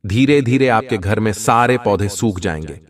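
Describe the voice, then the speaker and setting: A man's voice: fairly low pitch, normal speed, recorded from a distance. A man presenting astrology in scripted narration, speaking earnestly and straight to viewers as friends.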